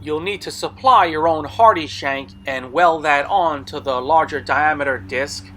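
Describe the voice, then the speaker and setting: Bright-voiced man presenting items. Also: fairly high pitch, a little hiss or hum. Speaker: blacksmith video host selling tools. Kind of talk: product showcase narration.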